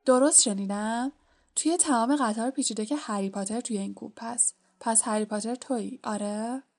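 A woman's voice: fairly high pitch, darkish tone, soft background music. A woman voicing a haughty, sneering pale schoolboy wizard in an audiobook reading, with a taunting manner. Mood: curious.

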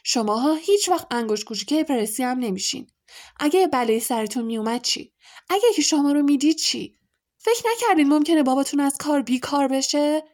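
A woman voicing a stout witch mother who scolds her sons in a loud, high, shrill voice. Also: expressive, vocal fry, heavily acted. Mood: angry scolding. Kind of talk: audiobook character voice.

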